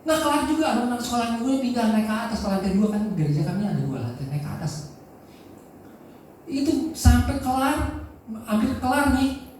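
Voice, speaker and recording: A male pastor from Aceh, telling stories in a lively, conversational sermon. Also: very high voice, brisk, long pauses, a little hiss or hum. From Aceh, Indonesia. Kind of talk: sermon with storytelling. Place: church. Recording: echoey church hall from far off.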